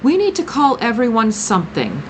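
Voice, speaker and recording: A woman voicing a grim, protective woman who cares for rescued girls, speaking gravely and with measured care in an audiobook reading. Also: fairly high pitch, wildly swooping pitch, background noise, voice pushed up.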